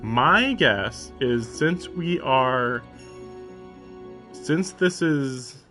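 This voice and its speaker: A man live-streaming a visual novel reads it aloud with mock-dramatic flair, breaking off into sarcastic, sometimes profane asides in a mix of commentary and dramatic read-aloud. His medium-pitched voice is expressive and sharp-toned, and he speaks very slowly. Faint music sits behind him.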